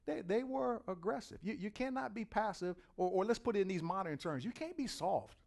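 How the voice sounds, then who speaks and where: A middle-aged male pastor preaching a sermon, repeating words and swinging from quiet asides to loud, driving points. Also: sits high, lively intonation, fairly quick, vocal fry.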